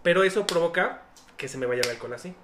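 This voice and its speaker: A young Mexican man chatting casually, telling stories with lively acted-out quotes. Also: on the high side, fast talker, slight background noise. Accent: Mexican Spanish. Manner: animated storytelling, acting out quotes. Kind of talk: casual podcast chat.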